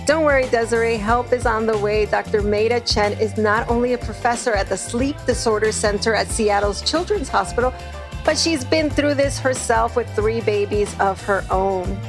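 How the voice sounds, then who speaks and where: A woman hosting a parenting podcast, talking in a gentle, reassuring way. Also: on the high side, moderate pace, music in the background. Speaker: podcast host, magazine editor. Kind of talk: hosted podcast talk.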